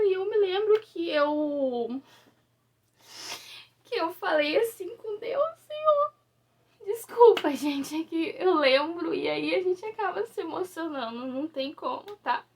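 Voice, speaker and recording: High-voiced Brazilian woman confiding. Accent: Brazilian Portuguese. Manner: confiding, tag questions like "sabe?" and "tá?". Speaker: vlogger. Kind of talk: personal storytelling to camera. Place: her bedroom at home.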